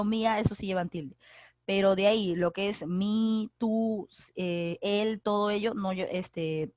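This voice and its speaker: A woman teaches an online grammar class through her computer microphone. She explains step by step, repeating key words and filling pauses, in a mid-pitched voice. The sound is close and dry. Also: dry recording. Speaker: secondary school teacher. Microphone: computer mic on a video call.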